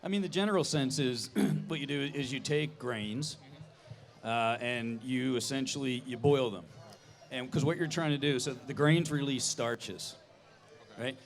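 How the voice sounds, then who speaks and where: Male guest, Philadelphia accent, mid pitch with heavy vocal fry, casual chat. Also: a little slow. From Philadelphia area, US. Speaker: guest, business co-owner.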